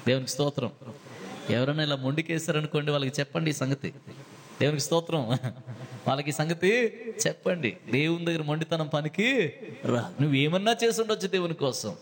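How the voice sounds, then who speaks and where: A man preaching a sermon as a pastor, swinging between hushed, low lines and loud, high-pitched bursts, with a few English phrases mixed in. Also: a little fast, long pauses, long reverb tail, a little hiss or hum.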